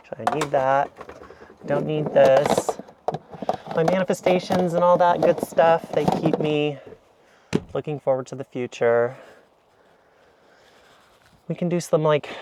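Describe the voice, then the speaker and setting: A man's voice: medium pitch, darkish tone, dry recording. A man in a camper van giving a chatty, rambling, self-deprecating tour of his kitchen, filmed on an action camera. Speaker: vlogger. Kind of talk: casual kitchen walkthrough vlog.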